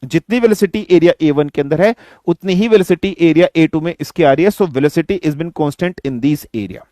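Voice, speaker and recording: Man, physics teacher, online exam-prep lecture, fairly high voice, asks and answers himself, dictates slowly, close dry mic. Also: dark tone, no echo. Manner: mixes Hindi and English, calls students "beta", asks and answers his own questions; slows down to dictate definitions word by word.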